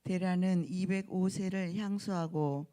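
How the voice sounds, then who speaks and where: A congregant reading scripture aloud in turn with a leader, in a steady, even manner. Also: medium pitch, a little slow.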